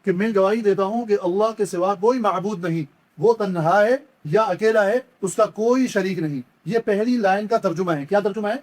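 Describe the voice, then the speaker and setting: Teaching correct pronunciation in a religious lesson, a Quran recitation teacher with a high voice corrects errors patiently and repetitively. Afterward, he shows the proper form through slow, drawn-out chanted recitation.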